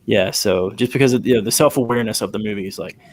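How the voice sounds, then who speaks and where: A man's voice: lowish voice, fast talker. A man in casual chat, speaking hesitantly with many restarts.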